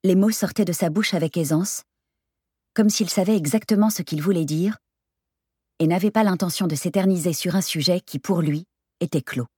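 Husky low-voiced woman narrator. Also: moderate pace, a little mellow, dry recording, clean studio sound. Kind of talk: first-person audiobook narration.

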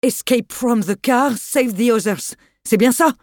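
A narrator voicing a male doctor who barks urgent orders at an accident scene, pitched higher and louder than their own reading voice. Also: measured pace, no room sound, studio quality, close to an everyday voice. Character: authoritative male doctor taking charge.

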